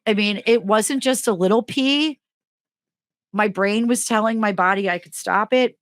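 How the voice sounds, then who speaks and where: A woman's voice: unhurried, dry recording, studio quality. A middle-aged woman co-hosting a podcast, telling a comic story in casual chat and acting out the quotes with big jumps in her voice. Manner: animated, acts out quotes with big pitch jumps. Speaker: podcast co-host and teacher.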